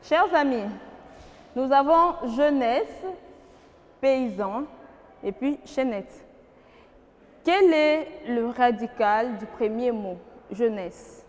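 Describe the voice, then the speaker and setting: Congolese french lady teacher, slow and patient, keeps quizzing the class, echoey room. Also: fairly high pitch, animated, a little mellow. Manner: slow, patient, asks the class questions and repeats words. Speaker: primary school teacher. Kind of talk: classroom grammar lesson.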